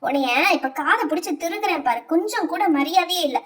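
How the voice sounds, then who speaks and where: Woman doing a very high-voiced strict teacher. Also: animated, fairly quick, a bit bright, recorded from a distance. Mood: scolding. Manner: stern, nagging, lecturing. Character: strict scolding female schoolteacher. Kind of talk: doll-play voice acting.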